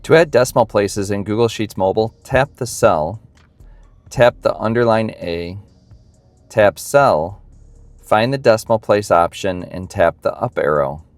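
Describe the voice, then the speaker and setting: Low-voiced man reading out tutorial steps. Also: unhurried, dry recording. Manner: instructional, clipped imperative steps. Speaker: tutorial narrator. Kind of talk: scripted step-by-step tutorial narration. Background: music.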